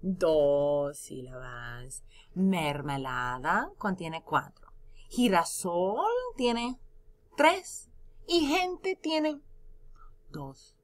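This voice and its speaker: A woman with a fairly low, expressive voice teaches a recorded lesson, drawing out her words. She spells words letter by letter, stretches syllables, and praises her students between prompts.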